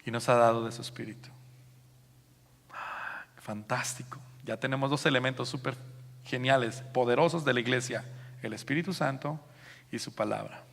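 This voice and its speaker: A man with a Mexican Spanish accent preaching a sermon as a pastor, lively and joking, loudly acting out the quotes he reads. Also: mid-range voice, moderate pace, vocal fry, long pauses, in a large hall. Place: church hall.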